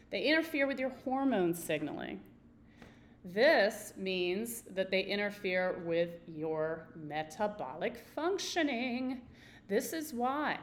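A woman's voice: medium pitch, slight background noise. Emphatic, indignant woman podcaster. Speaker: podcast host. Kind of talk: solo podcast monologue.

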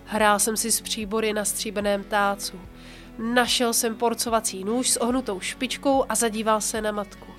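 A woman podcast host reading a book passage aloud with her own commentary, in a calm, measured voice that slows and softens for emphasis. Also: on the high side, faint music behind.

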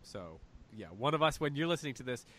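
A man's voice: medium pitch, big pitch swings, quick pace, a bit bright. A man hosting a casual podcast with a head cold, his nose stuffy and his voice nasal. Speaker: podcast host.

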